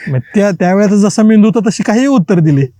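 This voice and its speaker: A man with a fairly high but dark, mellow voice tells stories the way friends swap them, bouncing between narration and acted-out dialogue in loose colloquial speech. He laughs often as he goes. The sound is close and dry. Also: fast, no room sound. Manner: lively anecdotal storytelling, acts out quoted dialogue, laughs often. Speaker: writer, podcast guest. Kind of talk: casual storytelling interview.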